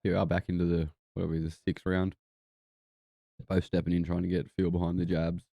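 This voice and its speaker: A man's voice: deep voice, level tone, fairly quick, vocal fry, mellow, dry recording, studio quality. A man with a broad New Zealand accent giving casual, laid-back, sweary live fight commentary. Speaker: boxing watch-along podcast host.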